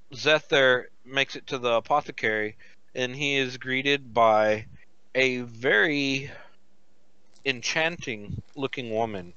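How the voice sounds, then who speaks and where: A man narrating as game master over an online call, taking his time and describing each detail at length. His voice is bright and clear, but the audio is dull and lo-fi with no room sound. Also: mid-range voice, dry recording. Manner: descriptive and unhurried, with many fillers.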